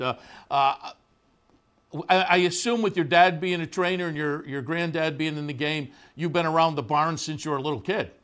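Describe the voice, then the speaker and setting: Chatty racing show host, fairly high voice. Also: male voice, a bit bright. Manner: conversational, filler-heavy. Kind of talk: broadcast interview. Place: studio in the Saratoga area.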